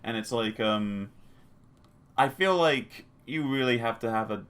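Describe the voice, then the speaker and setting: A man's voice: medium pitch, a little slow, fairly bright tone, clean tone. A young man co-hosting a podcast in casual chat, easygoing, with short replies. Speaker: podcast co-host.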